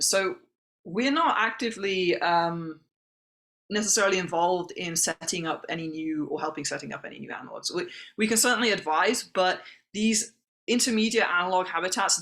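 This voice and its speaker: On an online video call, a woman hosts an information session, answering chat questions aloud in an accommodating, explanatory way. Her voice is lowish and a bit bright.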